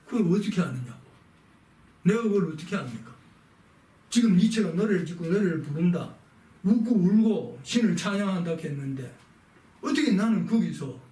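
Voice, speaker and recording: A man's voice: fairly high pitch, mellow. A man reading a text aloud and explaining it in a lesson, asking his listeners rhetorical questions and moving on with short prompts. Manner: rhetorical questions, frequent "자" to move on. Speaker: lecturer on philosophy. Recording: echoey room, mic at a distance.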